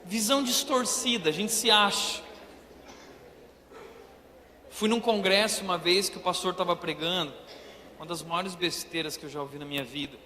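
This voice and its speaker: High, bright-voiced Brazilian preacher. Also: male voice, a little fast. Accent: Brazilian Portuguese. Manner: animated, acting out quotes. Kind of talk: comedic sermon. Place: church auditorium. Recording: reverberant church hall, faint noise.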